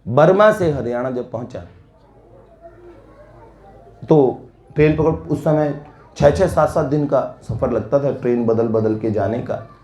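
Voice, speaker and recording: A man's voice: medium pitch, measured pace, pauses often, dark tone. A man preaching a devotional sermon, telling a story earnestly and exhorting his listeners. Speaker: satsang preacher. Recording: echoey room.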